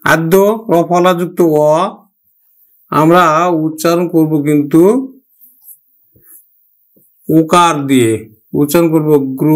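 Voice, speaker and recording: A man teaching a pronunciation lesson, drawing words out syllable by syllable and repeating them. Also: fairly high pitch. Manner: slow, drawn-out syllable-by-syllable modelling, repeating words. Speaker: language teacher. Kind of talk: slow classroom pronunciation lesson.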